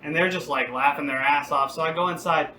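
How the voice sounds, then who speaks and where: A young man co-hosting a podcast, telling a long, rambling, profane story in a casual, animated way. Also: fairly high pitch, brisk. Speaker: podcast co-host. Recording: roomy echo, faint background noise.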